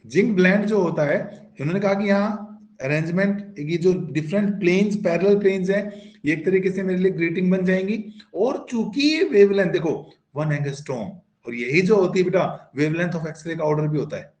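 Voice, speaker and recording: A man's voice: high-pitched, lively intonation, a little fast, a little mellow, echoey room. A man teaching a physics class online, coaxing his students with questions, answering them himself and mixing English terms into his explanations.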